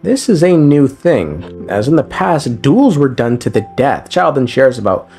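A young man narrates a game lore video, delivering a casual but scripted recap of the story with wry, irreverent, slangy asides. His medium-pitched voice has a dark tone, swings widely in pitch and keeps a measured pace, with music playing beneath it.

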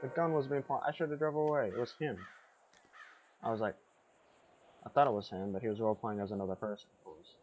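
A man's voice: lowish voice, steady tone, brisk, long pauses, a little mellow, slight background noise. Rambling man giving gameplay commentary. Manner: rambling, confused asides to himself. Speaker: gamer.

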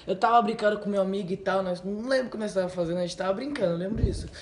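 Indoors at home by a wall, a channel host with a high-pitched voice talks rapid-fire over background noise. In his casual, rambling vlog he excitably tells funny personal stories, packed with fillers like "tipo assim" and "né".

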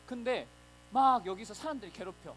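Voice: medium pitch, lively intonation, fairly quick, a bit bright, a little hiss or hum, low-quality recording. A preacher giving a children's Sunday sermon, storytelling animatedly and acting out voices.

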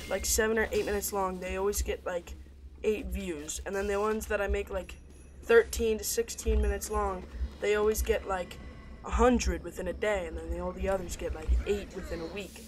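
A woman's voice: medium pitch, steady tone, brisk, a little hiss or hum. A woman doing rambling, chatty gameplay commentary, talking to her viewers as she plays. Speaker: gaming video creator.

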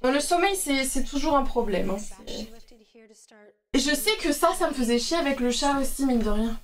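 A woman's voice: high voice, animated, moderate pace, far from the mic. A tired woman in her thirties, a streamer chatting casually and rambling with lots of fillers while doing yoga at home. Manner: chatty and rambling, many fillers and asides to viewers. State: tired from night feedings. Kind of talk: casual live-stream chat.

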